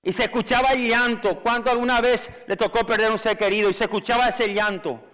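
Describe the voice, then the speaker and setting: A man preaching a fervent sermon, calling on the congregation to repeat after him and rising to shouts. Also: very high-pitched, fairly even intonation, a little fast, big-room sound. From Paraguay.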